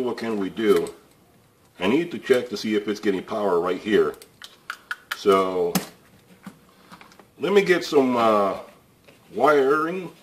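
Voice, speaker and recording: Working in an indoor workshop, a DIY repair channel host talks through a casual hands-on tutorial, musing aloud with fillers. He's heard off-screen while an overhead camera shows the bench, and his medium-pitched voice comes over a noisy background.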